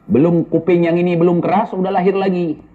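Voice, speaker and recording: A high-voiced man answers viewer questions in casual commentary, blunt and scolding, with a stream of rhetorical questions. His delivery is flat and a little fast, the audio thin and tinny like a phone line, with crowd noise behind him.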